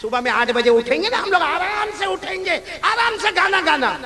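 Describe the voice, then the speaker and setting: A man voicing an impatient female schoolteacher who scolds and shouts, mid-sermon. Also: extremely high pitch, lively intonation, pitched above the performer's own voice. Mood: exasperated. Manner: loud, exasperated, rising to shouts. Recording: live crowd sounds.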